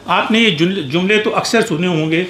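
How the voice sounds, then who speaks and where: Male memorial speaker with a high-ish voice, formal and measured delivery of a prepared tribute, echoey hall. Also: a bit bright. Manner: measured, formal reading with small restarts. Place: reception hall at an embassy. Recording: echoey hall with faint background noise.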